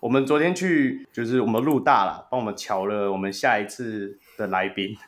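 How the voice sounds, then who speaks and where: A man with a lowish voice and a Taiwanese Mandarin accent hosts a casual sports podcast at normal speed. He tells stories animatedly and laughs often.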